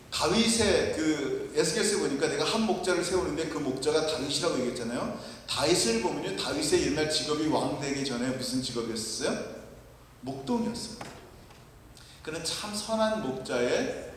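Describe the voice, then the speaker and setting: A man's voice: a little high, a little hiss or hum. A male missionary preaching a sermon, telling stories and asking the congregation questions. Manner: storytelling, asks the congregation questions. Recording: very echoey long-reverb hall, mic far off.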